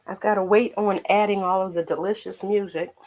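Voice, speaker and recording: A woman's voice: medium pitch, fairly even intonation, a little fast, a little mellow. Chatty American woman with a tinny voice. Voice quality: tinny, slightly metallic voice. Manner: chatty, rambling, playful asides to viewers. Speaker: art teacher hosting painting livestream. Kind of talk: casual livestream chat.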